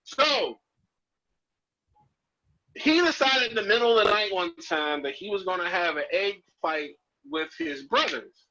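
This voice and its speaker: A man's voice: high voice, very animated, unhurried, creaky, pauses often, pushed and bright, lo-fi sound. A man telling a story in casual chat, laughing as he goes.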